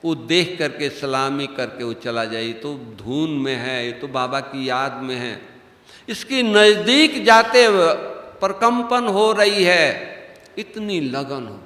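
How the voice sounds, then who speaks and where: A man's voice: medium pitch, animated, slow pace, sharp tone. A man giving a devotional class as a spiritual teacher, preaching emphatically with rhetorical questions. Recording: echoey hall.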